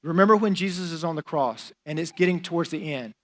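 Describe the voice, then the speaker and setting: A man's voice: a little high, fast. Casual, emphatic man preaching. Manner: conversational, emphatic preaching with frequent "like" and repeated phrases. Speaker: pastor. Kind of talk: sermon.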